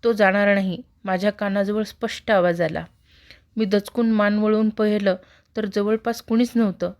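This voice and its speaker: A woman reading a horror story aloud in a steady, measured narrating voice. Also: mid-range voice. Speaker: story reader.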